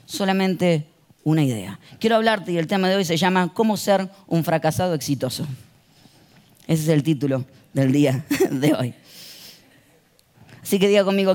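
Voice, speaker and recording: Argentine man, middle-aged, pastor preaching a humorous sermon; high voice, lively, acts out the voices himself. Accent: Argentine Spanish. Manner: animated storyteller, acts out voices and asks the congregation to repeat phrases.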